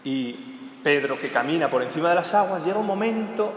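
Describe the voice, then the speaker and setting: A man, a priest, giving a weekday homily, speaking emphatically in short repeated clauses addressed to the listener, rising to urgent raised phrases and sinking to low quiet ones. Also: animated, a little fast, a little hiss or hum. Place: church. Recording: echoey church hall with long reverb.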